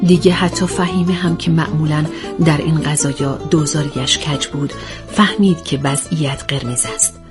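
A woman's voice: deep voice, steady tone, music in the background. A woman narrating a story aloud, reading expressively and steadily.

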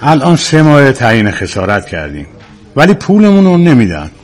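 A man's voice: mid-range voice, wildly swooping pitch. An actor playing a frustrated male client who complains insistently about a delayed payout, in a TV drama.

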